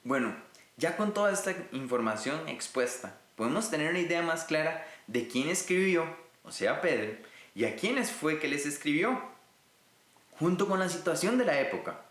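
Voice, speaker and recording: A man's voice: a little high, animated, normal speed, fairly bright tone, roomy sound. A man from Rica, teaching a recorded Bible lesson in an earnest way and speaking directly to his listeners. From Costa Rica.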